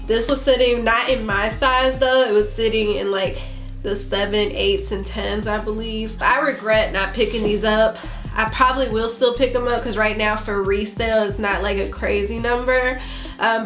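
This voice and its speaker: This woman's casual sneaker vlog comes in a fairly high, somewhat bright voice made congested and nasal by bronchitis, with plenty of fillers. The room is echoey, with faint music.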